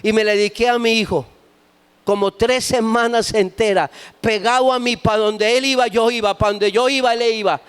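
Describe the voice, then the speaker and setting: Middle-aged pastor man, high clear voice, preaching passionate, gets shouty. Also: steady tone, normal speed. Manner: impassioned storytelling, rising to shouts. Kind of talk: sermon.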